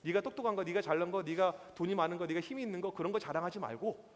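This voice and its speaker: Fast-talking youth pastor guy, high-pitched, preaching hard. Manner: emphatic, animated preaching with acted-out quotes. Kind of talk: sermon. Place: church hall. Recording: reverberant church hall.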